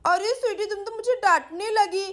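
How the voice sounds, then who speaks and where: A woman's voice: very high voice, moderate pace, fairly bright tone, pitched above the performer's own voice. A woman voicing a clumsy young woman in a doll-play story, whiny and pleading.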